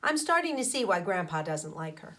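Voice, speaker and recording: Her voice sits on the low side, pushed and bright, with big pitch swings, as this elementary school teacher reads a children's book aloud. She teaches as she goes, breaking in with explanations and questions for the young listeners.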